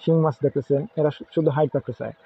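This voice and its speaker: A man's voice: a little high, fairly even intonation, rapid-fire, vocal fry. A man casually showing his home fish tank, pointing out and naming each fish as he goes. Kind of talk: casual home video walkthrough. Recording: phone-like lo-fi sound with faint noise.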